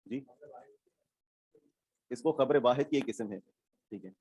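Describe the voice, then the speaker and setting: A man's voice: mid-range voice, slow, a little mellow, slightly rough, no room sound. A male Islamic studies teacher giving an online class lecture, explaining terms step by step, repeating them and checking that students follow.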